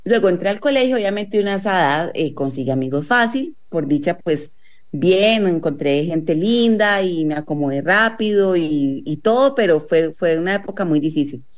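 A Medellín woman in her thirties guests on a radio talk show, speaking at a normal pace in a lowish, expressive voice. She's a chatty storyteller who leans heavily on "o sea" and other fillers in this casual interview from the studio.

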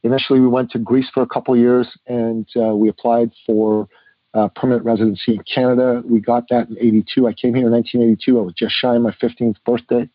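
A man's voice: mid-range voice, flat delivery, fast talker, dry recording, dull audio. A man in his fifties, born in Iran, telling his life story earnestly as a guest author in a podcast interview, with frequent "uh" fillers. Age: 50s.

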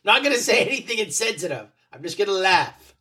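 A man's voice: high voice, very animated, brisk, sharp tone, husky. A man with a New England accent, co-hosting a podcast and trading sarcastic, profane jokes while answering quiz questions. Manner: sarcastic, profane, self-mocking. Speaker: podcast co-host, quiz contestant. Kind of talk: casual podcast chat.

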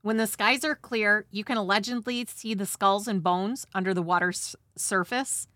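Lady host reading a story kinda chatty and dramatic, bright crisp edge, really dry sound. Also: mid-range voice, steady tone, moderate pace, dry recording. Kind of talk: scripted narration with casual asides.

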